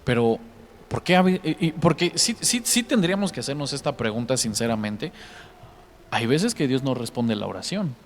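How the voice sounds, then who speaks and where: A man's voice: medium pitch, sing-song, normal speed, slight background noise. Earnest man retelling faith testimonies. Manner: earnest storytelling, acting out quoted dialogue. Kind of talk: religious podcast conversation, telling testimonies.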